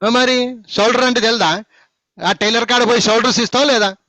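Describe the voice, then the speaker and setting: High-voiced man teasing students in a Telugu classroom. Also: steady tone, a little fast, bright, forceful tone, no echo. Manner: scolding, teasing, asks students repeatedly. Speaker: spoken English teacher. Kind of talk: classroom phonics lesson.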